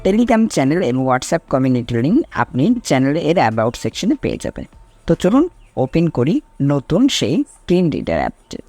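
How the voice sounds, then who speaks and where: A man presenting a step-by-step software tutorial in an instructional way, repeating each item and then explaining it. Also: mid-range voice, wildly swooping pitch, fairly quick, faint music behind.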